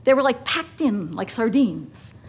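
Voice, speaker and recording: A woman's voice: fairly high pitch, very animated, measured pace, slightly rough. A woman telling a personal story on stage with a dramatic, vivid and emotive delivery.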